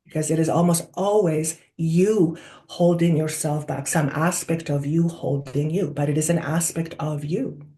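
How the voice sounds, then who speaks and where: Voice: medium pitch, steady tone, mellow, close to an everyday voice. A person trance channeling oracular spirit guides, seance-medium style. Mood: solemn, instructive. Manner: deliberate, oracular, rhetorical questions, emphatic drawn-out words. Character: channeled collective of wise, instructive spirit guides. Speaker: channeler speaking as a council of spirits.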